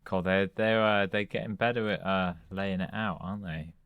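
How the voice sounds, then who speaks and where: A man's voice: low-pitched, steady tone, moderate pace, a bit bright, clean tone, dry recording. A man co-hosting a comedy podcast, laid-back and joking. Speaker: podcast co-host. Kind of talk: casual comedy podcast chat.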